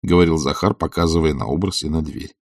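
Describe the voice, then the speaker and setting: A man narrates a novel in a calm, even voice. His pitch sits very low. The recording is dry and close. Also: quick pace, no room sound. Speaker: audiobook reader. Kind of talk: scripted narration.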